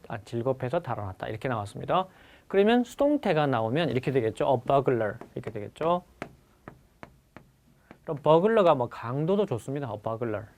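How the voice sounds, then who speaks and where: A man teaching English vocabulary for civil service exams in a recorded lecture, repeating key words slowly and addressing his students. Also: mid-range voice. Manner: stresses the English words, then lets the Korean explanation trail off quietly.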